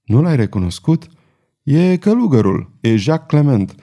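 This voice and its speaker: A man's voice: mid-range voice, big pitch swings, warm tone. Cool, mocking swordsman hero, commanding and ironic, read by a man. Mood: cold.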